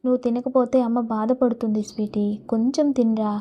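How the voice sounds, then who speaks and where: A woman's voice: fairly high pitch, fairly even intonation, moderate pace, lo-fi sound, close to an everyday voice. A woman voicing a coaxing young man. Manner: coaxing, casual. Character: brash caring young man, teasing.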